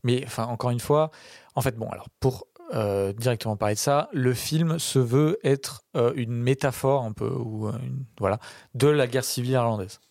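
A man's voice: medium pitch, normal speed, gravelly, a little mellow, no echo, clean studio sound. A man defending his film pick on a podcast, talking with lots of hesitations and restarts. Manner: hesitant, many fillers and restarts. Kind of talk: casual film podcast chat.

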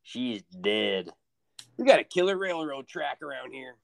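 A man's voice: medium pitch, sing-song, a little slow, creaky, heavily acted. A man playing a tough, threatening small-town sheriff in a blunt manner. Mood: menacing.

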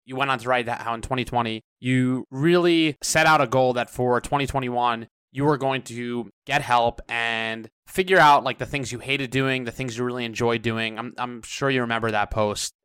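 A man's voice: medium pitch, fairly even intonation, normal speed, fairly bright tone, clear, resonant tone, dry recording, clean studio sound. A man hosting an interview, asking friendly, curious questions in a conversational way. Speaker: podcast host.

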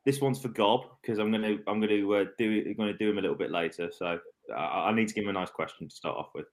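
A man hosts a relaxed online panel chat, reading out quiz questions at a measured pace. He ribs the other panelists between questions. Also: lowish voice. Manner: reads quiz questions slowly, teases panel. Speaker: quiz host of a darts podcast.

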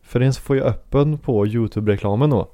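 A Swedish man co-hosting a casual chat, animated and joking, often restarting his sentences. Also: mid-range voice, no room sound. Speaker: podcast co-host.

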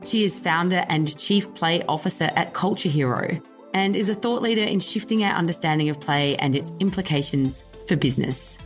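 A woman hosting a podcast, reading a scripted introduction and welcoming her guest in a measured way. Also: lowish voice, faint music behind. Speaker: podcast host.

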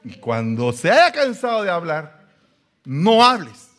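A male pastor preaching a sermon, swinging from hushed asides to loud, humorous appeals to the congregation. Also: high-pitched, huge pitch swings, slow pace.

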